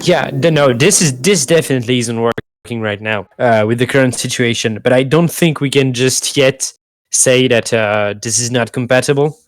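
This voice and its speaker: A man's voice: medium pitch, normal speed, no echo. A man chatting casually about a game in an easygoing, hesitant way. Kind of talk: casual let's play chat. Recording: faint music underneath.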